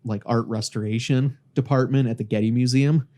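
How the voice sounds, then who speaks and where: A man hosting a casual podcast chat, relaxed and telling stories and facts to his friends. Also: medium pitch, brisk. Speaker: podcast host.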